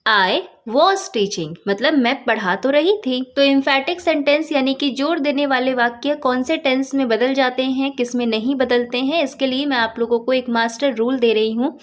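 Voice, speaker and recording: High-voiced woman teaching English grammar. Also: moderate pace, few pauses. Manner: patient, repeats points, stresses helping verbs. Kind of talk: explanatory lesson.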